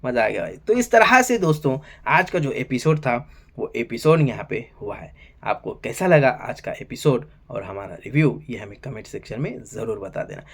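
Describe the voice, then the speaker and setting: A man's voice: mid-range voice, very animated, normal speed, vocal fry, a bit bright, slightly rough. Chatty man recapping a reality show. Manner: chatty, calls viewers brother and friends, acts out quotes in a raised voice. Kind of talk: casual episode recap commentary.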